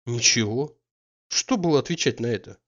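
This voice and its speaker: A man's voice: medium pitch, lively intonation, moderate pace, fairly bright tone, highs cut off, close to an everyday voice. A man voicing a proud, hurt young noblewoman who speaks coolly and with reproach.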